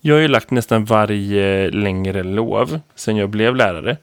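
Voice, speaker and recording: A man in his thirties, a teacher co-hosting a podcast, who tells stories in a lively, rambling way full of fillers. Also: fairly low pitch, clear, resonant tone, no echo, studio quality. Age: 30s. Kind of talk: casual podcast chat.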